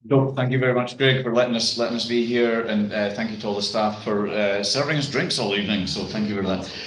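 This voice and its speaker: Lowish Scottish man hosting in echoey room. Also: fast talker, a bit bright. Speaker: event host. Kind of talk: welcoming stage introduction. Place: indoor bar venue.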